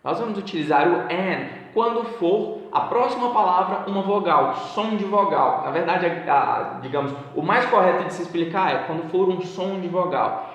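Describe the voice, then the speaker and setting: A man from Brazil giving a casual online English lesson, explaining patiently and repeating examples slowly. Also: high-pitched, a bit bright. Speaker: English teacher. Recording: very echoey room, long reverb.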